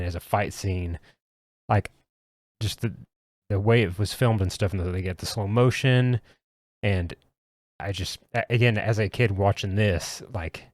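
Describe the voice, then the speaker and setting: Deep-voiced easygoing man, dry sound. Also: dry recording. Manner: easygoing, hesitant, many fillers. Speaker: podcast host. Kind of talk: casual chat.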